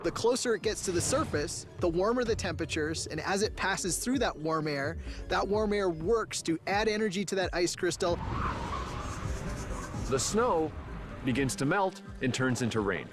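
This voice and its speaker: A man's voice: high-pitched, lively intonation, normal speed. A man explaining in plain, conversational terms for a documentary interview. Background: music under the voice.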